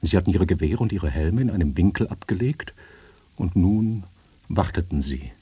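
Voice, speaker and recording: A man narrating a literary story in a measured, even storytelling manner. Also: low-pitched, breathy edge, no room sound.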